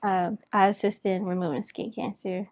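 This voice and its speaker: A young woman from Los Angeles chatting casually with friends, lively and laughing, acting out what others said. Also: medium pitch, normal speed. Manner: lively, laughing, acts out quotes in a raised voice. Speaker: guest, surgical assistant. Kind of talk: casual chat among friends.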